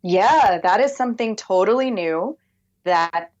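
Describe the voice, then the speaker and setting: A woman's voice: medium pitch, unhurried, lo-fi sound. A woman podcast producer with a soothing voice, talking reflectively in long winding thoughts as an interview guest. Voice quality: soothing, relaxed voice. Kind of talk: casual conversational interview.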